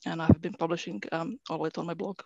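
Flat-pitched woman from Croatia, creaky voice. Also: fast talker. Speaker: archive transcriber, panelist. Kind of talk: conversational panel remarks. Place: indoors, on a video call. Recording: muffled, roomy video call.

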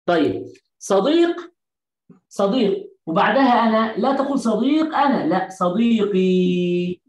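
A woman teaching an Arabic class, explaining patiently with repetition and stretching out word endings slowly so students can hear them. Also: fairly high pitch, big pitch swings. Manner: slow, drawn-out enunciation of word endings. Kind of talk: language lesson. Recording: echoey room.

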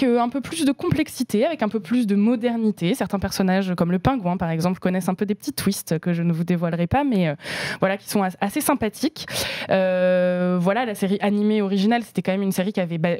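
A woman's voice: mid-range voice, darkish tone, no echo, studio quality. A woman, a series journalist, giving her opinions as a podcast guest, with lots of hesitations and restarts. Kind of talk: casual podcast discussion.

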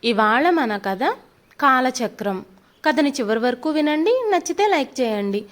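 High, lively woman storyteller. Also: a little slow. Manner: expressive, animated reading. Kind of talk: audio story narration.

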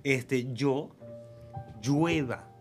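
A man's voice: mid-range voice, very slow, over music. Playful Venezuelan man joking around. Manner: teasing, exaggerating, jokey. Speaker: co-host. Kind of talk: playful couples advice chat.

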